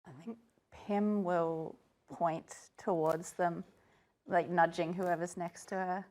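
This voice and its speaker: A woman's voice: on the low side, steady tone, slow pace, darkish tone. A woman talking casually as a player in a tabletop game, informal and a little hesitant.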